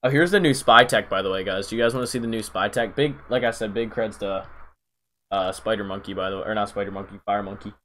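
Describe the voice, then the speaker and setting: A man's voice: on the low side, quick pace, pushed and bright. A young man casually live-streaming a game, rambling to his chat with lots of fillers, calling out viewers' names and saying "bro".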